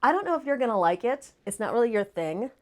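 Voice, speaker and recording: A woman hosts a livestream in a raspy, hoarse voice. She talks in a folksy, animated way, as if chatting with friends, and leans on her words for emphasis. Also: fairly high pitch, fast talker. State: hoarse, recovering from laryngitis. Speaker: live stream host. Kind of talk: casual livestream chat.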